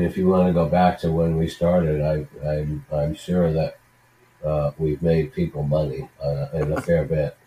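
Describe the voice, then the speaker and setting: A man co-hosting a sports betting podcast while sick with a cold, speaking in a monotone. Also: rumbling low, slight background noise. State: has a cold. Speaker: podcast co-host. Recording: echoey, distant remote mic.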